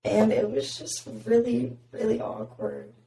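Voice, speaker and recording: A young woman with a raspy voice, hosting a podcast and telling stories in casual chat full of "like" fillers. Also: on the high side, wildly swooping pitch, measured pace, mellow. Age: young adult. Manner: chatty storytelling, many "like" fillers. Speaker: podcast host. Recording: roomy echo, faint noise.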